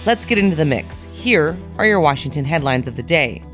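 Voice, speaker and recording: A woman co-hosting a political news podcast, reading the headlines briskly and then chatting casually. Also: deep voice, expressive, soft background music. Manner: brisk, upbeat presenter delivery. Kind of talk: scripted news intro and casual chat.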